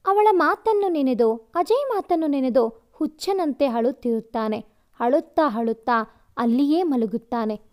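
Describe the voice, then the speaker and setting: High-voiced woman storyteller. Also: expressive, a little slow, darkish tone. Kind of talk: storybook narration.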